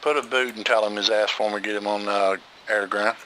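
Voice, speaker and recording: Brief: lower-voiced male gamer on radio comms, static bursts, noisy distant line. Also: steady tone, a little fast. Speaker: gamer calling over in-game radio. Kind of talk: military radio procedure in a game.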